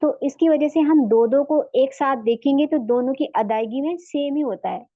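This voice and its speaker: Female tutor, pitched a bit high, patient and repetitive, on a muffled dry video-call line. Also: dry recording. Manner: explains patiently, repeats sounds slowly for practice. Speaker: Quran recitation teacher. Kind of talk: online tajweed class.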